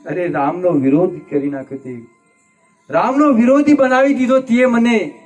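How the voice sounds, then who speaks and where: A man's voice: high-pitched, fairly even intonation, moderate pace, darkish tone, soft background music. A man voicing a young grieving prince who reproaches himself with tearful, impassioned pleading. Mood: anguished.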